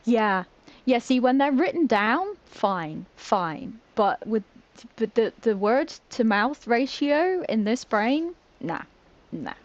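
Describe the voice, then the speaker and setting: Dull audio captures a British woman's high, sing-song, slow voice as she streams a game. She chats casually during play, laughing and making fun of herself whenever she stumbles over her words.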